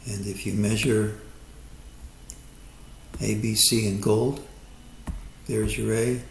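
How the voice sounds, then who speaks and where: A man with a fairly low voice talks through a stock chart and gives his forecast for the market, speaking carefully and hedging as he considers each possibility. His pitch barely moves and he has some vocal fry. The room is echoey, with a faint ambient hum underneath.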